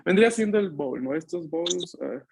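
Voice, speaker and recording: A man's voice: high voice, expressive, normal speed, gravelly, background noise. Patient male language teacher on video call. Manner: patient, checks in often with questions; drills students with repeat-after-me. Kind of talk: online Italian lesson for Spanish speakers. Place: home.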